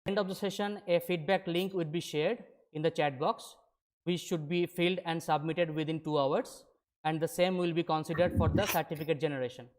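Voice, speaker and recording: A session host speaks at a medium pitch. The delivery is a formal, scripted announcement, as used to open an online academic event. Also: fairly even intonation, brisk.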